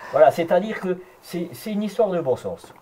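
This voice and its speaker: A man's voice: high-pitched, lively intonation, normal speed, warm tone, a little hiss or hum. A man with a Lorraine accent, explaining home health remedies in a folksy, chuckling way during a casual chat. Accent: Lorraine French. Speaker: guest herbal health advisor.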